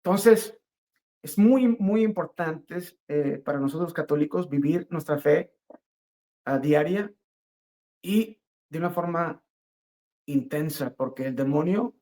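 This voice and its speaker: A middle-aged man gives a spontaneous, earnest religious testimony, speaking haltingly and repeating phrases for emphasis. His voice is on the high side and mellow.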